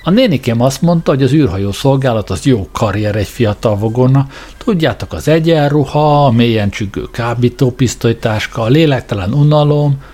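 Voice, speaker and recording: Man playing a slow dim alien guard. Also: mid-range voice, lively intonation, dark tone, lightly acted. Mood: halting, sheepish. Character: dim-witted hulking male alien guard, slow and bellowing.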